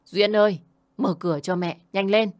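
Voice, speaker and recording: A woman's voice: lowish voice, moderate pace, natural voice. A woman doing a bossy old mother-in-law. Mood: urgent. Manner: scolding, insistent.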